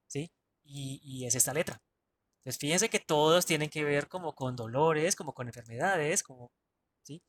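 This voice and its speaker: A man's voice: a little high, fairly bright tone. A man teaching an online Mandarin class, chatty and self-correcting, often checking in with his students.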